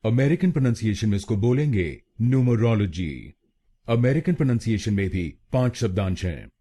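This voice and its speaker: A man's voice: fairly low pitch, expressive, quick pace, dark tone, husky. A man from India narrating a scripted pronunciation tutorial, breaking words into syllables and repeating each one. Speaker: pronunciation teacher.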